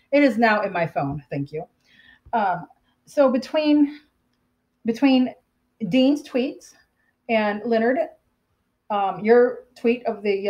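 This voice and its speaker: A woman with a drawl tells a personal story straight to camera. Her voice sits on the higher side, and she rambles candidly, full of fillers and restarts. It sounds like a casual home video. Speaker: vlogger telling a personal story.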